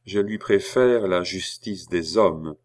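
A man reading an audiobook and voicing a reticent cardinal who speaks quietly and solemnly. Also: sits low, takes it slowly. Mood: cold.

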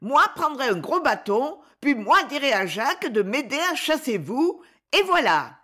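A woman's voice: big pitch swings, measured pace, a bit bright, exaggerated voice. A woman voicing a timid little boy who speaks in broken, childish sentences. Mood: earnest. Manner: high childish babble, insistent.

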